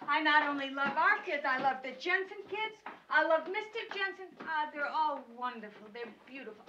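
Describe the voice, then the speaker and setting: A woman's voice: high voice, pushed and bright, lo-fi sound, slight background noise. A gushing eager young mother. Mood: breathless. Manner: gushing, rapid, coaxing, scattered. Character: restless eager young mother hosting kids. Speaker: mother in a film. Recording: 1970s film soundtrack with music.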